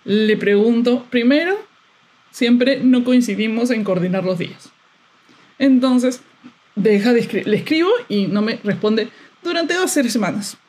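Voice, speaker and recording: A woman's voice: a little high, unhurried, darkish tone. A young woman, hosting a podcast as a casual, exasperated monologue with frequent laughter. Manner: chatty, exasperated, laughs often. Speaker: podcast host.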